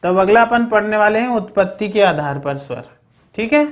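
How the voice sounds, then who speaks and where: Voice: medium pitch, animated, moderate pace, lo-fi sound. A teacher explaining grammar in a recorded lesson, asking the class questions and answering them, with frequent check-ins to keep students following. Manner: repeats check-ins like "okay, remember this".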